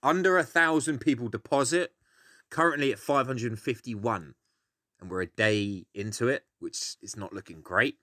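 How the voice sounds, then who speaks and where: A British gaming video host explains a game casually, grumbling grumpily and giving blunt, sweary opinions. His voice is medium-pitched and sharp in tone, delivered at a moderate pace. The recording is studio quality with no echo.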